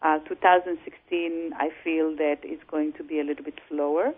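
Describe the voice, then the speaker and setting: A woman real estate broker and coach talking over the phone in an interview, measured and full of "you know" fillers. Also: sits low, fairly even intonation. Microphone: telephone. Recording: tinny phone line.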